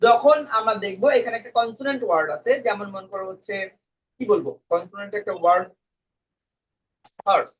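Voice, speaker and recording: A man's voice: high voice, expressive, brisk, long pauses. Guy teaching a class, keeps asking the students questions, dull lo-fi sound. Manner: quizzes students, mixes English words into his talk. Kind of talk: classroom English lesson. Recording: dull lo-fi recording.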